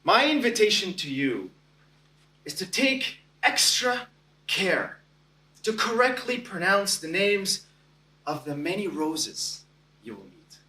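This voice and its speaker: A man delivers a contest speech, telling his story with deliberate pauses, high and bright in tone. His slow delivery swings expressively. He is heard from a distance in an echoey meeting hall. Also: very animated. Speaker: contest speaker.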